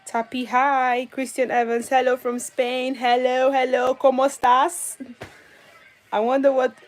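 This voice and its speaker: A woman's voice: high-pitched, level tone, unhurried, soft background music. A young woman from Italy hosting a casual livestream, chatting with viewers and telling a story about her first job. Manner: chatty, greets viewers by name between story bits. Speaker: livestream host.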